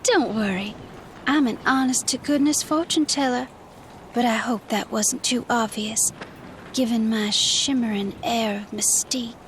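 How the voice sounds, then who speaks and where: An actress playing a playful, mysterious all-seeing fortune teller in a video game, with a theatrical, coy, mystical manner. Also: female voice, fairly high pitch, measured pace, slight background noise, natural voice. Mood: coy, inviting. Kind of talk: video game character acting.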